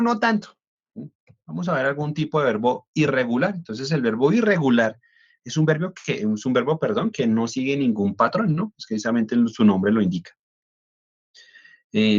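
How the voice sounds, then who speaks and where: A man's voice: on the high side, animated, moderate pace. A man, an English instructor explaining pronunciation in a class, often checking in with "¿no?". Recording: dull lo-fi audio.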